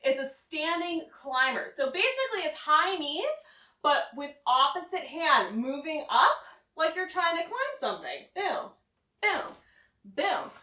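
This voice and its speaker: A woman working as an aerobics instructor, energetically cueing moves and encouraging people while breathy from exertion. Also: high voice, sing-song, unhurried, sharp tone. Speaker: aerobics instructor leading a home HIIT workout. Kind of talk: upbeat workout coaching, cueing moves and counting down. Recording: echoey room, distant from the mic.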